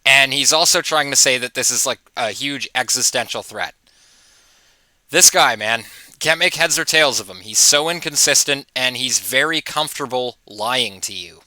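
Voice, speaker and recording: The host of a political commentary channel talks to his viewers in casual opinion pieces to camera, mocking and informal, with chuckling asides. His medium-pitched voice is sharp, paced moderately, with no room sound.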